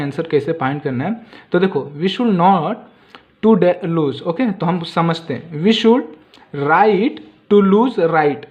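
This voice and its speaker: A man teaching an exam-prep lesson, asking pupils repeated questions and saying words slowly so they can copy the pronunciation. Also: high voice, muffled recording.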